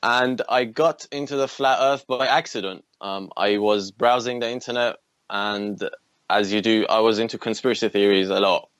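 A young man from Iran speaks as a podcast guest, his voice set somewhat low. He goes haltingly, stopping to restart his sentences. The sound is dry and close, with no room around it. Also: a bit bright, clean tone, dry recording. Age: 20s. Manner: hesitant, with frequent ums and restarts. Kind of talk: casual interview talk.

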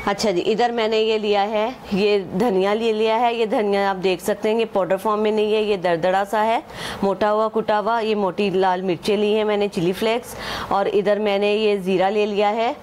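A woman who runs a home cooking channel talks through a recipe step by step in a mid-pitched, darkish voice, at a normal speed and with fairly even intonation. Homely and chatty, she keeps repeating "acha ji" and "ye dekhen" and uses English measurements within her Hindi-Urdu, with a faint hum of room noise behind her.

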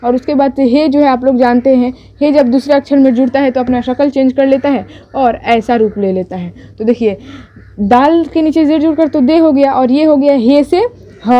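A woman's voice: high voice, dull audio. A woman teaching a beginners' Urdu writing lesson step by step, patiently explaining each stroke and correcting herself as she goes.

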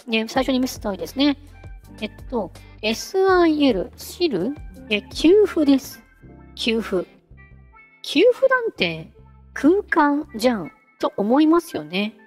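A woman hosting a casual software tutorial, chatty and giggly, talking her way through a live demo. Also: fairly high pitch, in a large hall. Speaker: VTuber host teaching singing-synth software.

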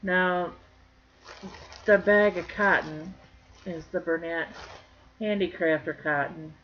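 A woman's voice: lowish voice, steady tone, slow, a bit bright. Lady chatting to her camera about crafts, folksy and jokey, kinda muffled lo-fi sound. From northern Michigan. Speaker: crochet vlogger. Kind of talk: casual chat to camera.

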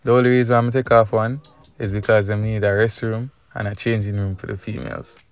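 A man's voice: on the low side, level tone, fast talker, clean tone, no echo. A young Jamaican man with a Jamaican accent, chatting casually into a phone held at arm's length while touring outdoors, upbeat and talkative, now and then breaking into song. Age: young adult. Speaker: travel vlogger. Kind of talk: casual travel vlog. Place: outdoors at a river and seaside park. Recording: outdoor phone audio under loud music.

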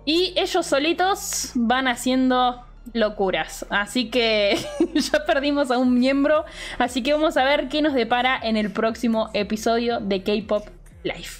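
A woman's voice: on the high side, a little slow. A young woman with a Rioplatense Spanish accent, animatedly commentating her life-simulation gameplay, often laughing and exclaiming. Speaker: Sims let's play host.

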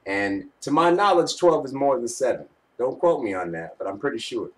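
A man's voice: medium pitch, expressive, moderate pace. Young guy talking football trash casually, slangy, webcam in a bedroom, little bit off mic. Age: young adult. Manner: slangy, teasing trash talk. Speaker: sports fan vlogger. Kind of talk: casual postgame commentary. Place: small bedroom, indoors. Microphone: webcam at arm's length. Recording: home webcam, slightly distant mic.

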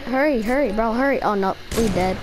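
A video game player chatting excitedly and casually with squadmates in slangy frat-bro talk full of "bro" and "bruh". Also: medium pitch, a little fast, noisy background.

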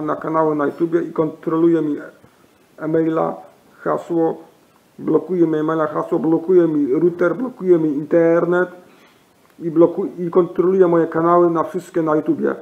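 A man, an amateur video maker, delivering an angry rant to the camera, swearing over and over and shouting. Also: fairly high pitch, vocal fry, lo-fi sound. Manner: furious, repetitive swearing, shouting. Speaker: amateur YouTuber. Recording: echoey room.

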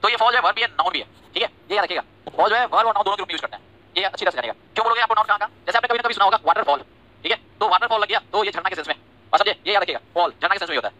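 A man teaching English vocabulary in a live class, talking quickly and checking over and over that the students follow. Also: high-pitched, pushed and bright, poor audio. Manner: rapid, repetitive checks like "ठीक है?" and "समझे?"; scolds and teases students by name. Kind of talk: online class lecture in Hindi and English.

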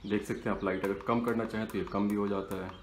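Speaking quickly in a fairly low, level voice, a young adult man treats his viewers like friends in a laid-back travel and shopping vlog. The footage moves between the street, a shop and his home, with slight background noise.

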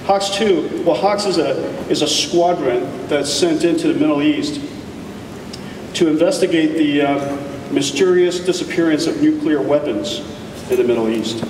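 A man on stage delivering a keynote, his fairly high voice bouncing around a big reverberant hall. He talks with enthusiasm and deliberate pauses, heard from out in the audience over a low rumble. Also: far from the mic. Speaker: keynote speaker. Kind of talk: tech keynote presentation. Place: large conference hall stage. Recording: echoey hall taped from audience.

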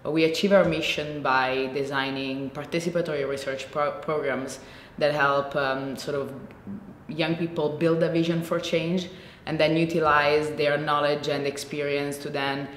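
A woman in her thirties from Italy, answering interview questions with many pauses and restarts. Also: little pitch movement. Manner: hesitant, many fillers and restarts. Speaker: program alumna. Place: indoor room with shuttered window. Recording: echoey room with faint rumble.

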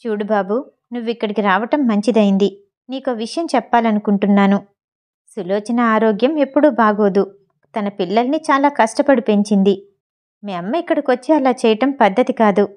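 A woman's voice: fairly high pitch, moderate pace, a little mellow, lightly acted. A woman reading a blunt, lecturing neighbour woman. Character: blunt neighbour woman, irritable then polite.

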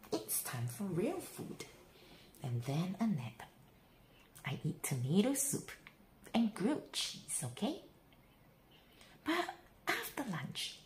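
A very animated woman with a lowish voice reads a children's picture book as an expressive bedtime story. Her phrasing is dramatic and deliberate, with words drawn out. The room echoes and there's faint background noise.

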